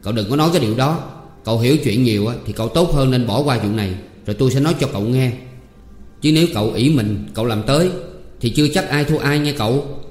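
A man with a Southern Vietnamese accent voicing a sharp-tongued young female servant, coaxing one moment and tart the next, in a storybook reading. The reading sounds like it was made in an echoey hall with faint music behind it. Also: mid-range voice, lively intonation, moderate pace, lightly acted. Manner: coaxing, then tart and firm.

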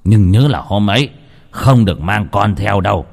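A man voicing an old village shaman who gives stern, gruff orders slowly. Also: sits low, very animated, heavily acted. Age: older. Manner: slow, stern, gruff commands. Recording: long reverb.

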